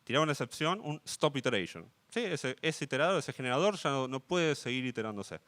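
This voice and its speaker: Lively Argentine man explaining code. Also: medium pitch, a little fast. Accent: Rioplatense Spanish. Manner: checks in with audience, asks "¿sí?" often. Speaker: conference speaker. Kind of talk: live coding talk.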